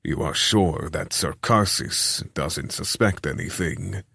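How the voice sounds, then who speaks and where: A man voicing a bearded ruler with a deep voice, blunt and distrustful. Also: animated, takes it slowly, creaky, pushed and bright, breathy edge, no echo, clean studio sound, exaggerated voice. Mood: wary. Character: bearded male ruler, gruff and wary.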